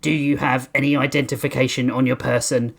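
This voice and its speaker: A man's voice: medium pitch, flat delivery, fairly quick, gravelly. Man reads a cheerful ship computer, formal and precise, in a comic audio story, plain voice. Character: cheerful polite male spaceship AI computer. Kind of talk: comedic story reading.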